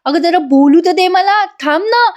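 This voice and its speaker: A woman's voice: very high voice, moderate pace, a little mellow, voice pushed up. A woman voicing a playful young husband who jokes and coaxes his wife. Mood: teasing. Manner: joking, coaxing.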